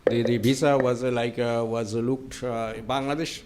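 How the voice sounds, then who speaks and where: A man answering audience questions at a conference, speaking haltingly with many fillers and restarts. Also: mid-range voice, little pitch movement, a little mellow, smooth.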